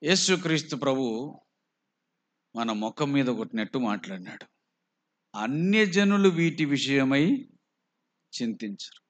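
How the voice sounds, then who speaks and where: A man with a Telugu accent, preaching a slow, emphatic sermon full of rhetorical questions. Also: medium pitch, expressive. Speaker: pastor.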